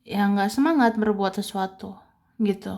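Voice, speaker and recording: A woman's voice: medium pitch, normal speed. A woman giving a chatty, casual tarot reading, repeating points and laughing lightly between them. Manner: chatty, repeats herself, ends phrases with soft tag words. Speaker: tarot reader.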